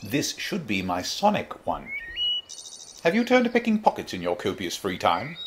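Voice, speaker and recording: A man's voice: on the low side, huge pitch swings, moderate pace, background noise. Man acting whimsical Doctor, swooping theatrical delivery. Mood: wry, puzzled. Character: eccentric, cheerful male alien time traveller, curious and wordy. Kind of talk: audio drama acting.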